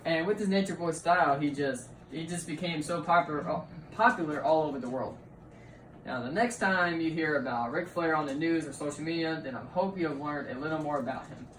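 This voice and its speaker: A young man gives a class presentation speech, halting and repeating himself as he talks. He sounds distant from the mic, and the room rings with echo. A steady hum of noise sits behind his voice. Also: fairly high pitch. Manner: halting, often repeats words and leans on "like".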